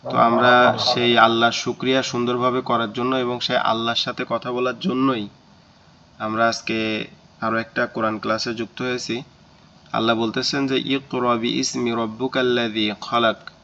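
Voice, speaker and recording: A man's voice: medium pitch, flat delivery, moderate pace, bright, forceful tone. A man teaching a Quran reading class, explaining vowel marks and drilling syllables, repeating each word three times. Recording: slightly dull lo-fi recording.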